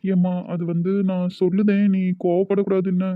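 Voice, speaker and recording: A woman voicing a hesitant grown son with a Tirunelveli Tamil accent, halting and pleading. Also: mid-range voice, level tone, no echo, close to an everyday voice. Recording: dry and muffled.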